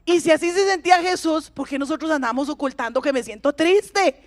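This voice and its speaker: A woman's voice: high-pitched, a little fast. A middle-aged woman pastor giving a sermon in a conversational, confiding way, sharing personal stories with her congregation.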